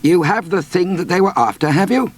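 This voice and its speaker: A man reading a storybook aloud, voicing a calm, level-headed country doctor who asks pointed questions in a raised voice. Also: high-pitched, fairly quick, pitched above the performer's own voice. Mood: measured.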